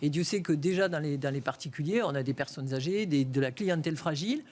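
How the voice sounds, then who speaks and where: Middle-aged woman, sing-song Toulouse accent, business guest, halting and searching for words. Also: low voice, darkish tone. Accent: southwestern French, Toulouse. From Toulouse, France. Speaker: bank executive guest. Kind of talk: business interview answers.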